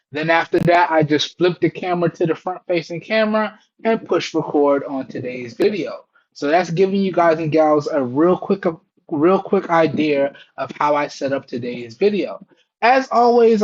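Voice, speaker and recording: A man's voice: on the high side, lo-fi sound. A man casually narrating a product test to viewers in a folksy, explanatory way, recorded through a Bluetooth earbud headset mic. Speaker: tech reviewer, channel host. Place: indoors at home. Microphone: wireless earbud microphones over Bluetooth.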